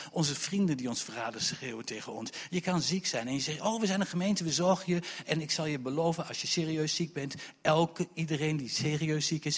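Guy preaching, retells the story casually, husky, echoey church. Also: a little high. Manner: lively storytelling, colloquial. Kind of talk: sermon.

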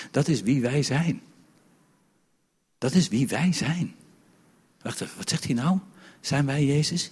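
Male preacher, very husky voice, lively sermon, loud then soft. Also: mid-range voice. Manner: lively, jokes with the congregation, shifts between loud and soft.

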